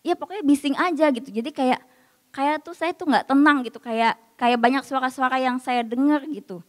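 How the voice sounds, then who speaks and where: A woman's voice: high voice, fairly quick, big-room sound. A woman preacher giving a casual, story-filled sermon, acting out the voices she quotes.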